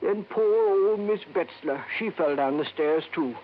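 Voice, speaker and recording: This 1950s-style radio drama has an actor in the role of an insistent, folksy, wizened older American man in a wheelchair, his speech clipped and hesitant, his mood grave and troubled. He uses a high voice with lively intonation at a measured pace, and the old radio recording is dull and noisy.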